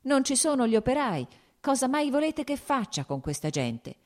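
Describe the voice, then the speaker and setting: A woman's voice: high-pitched, sing-song, normal speed, a little mellow, pitched above the performer's own voice. A woman reading the part of a farm steward man who answers with shrugging excuses. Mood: defensive.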